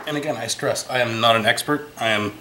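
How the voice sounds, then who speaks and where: A fast-talking American man with a medium-pitched voice and a sniffle works at an indoor workshop bench, casually thinking aloud and poking fun at himself. He's a metal scrapping YouTuber, and there's heavy background noise.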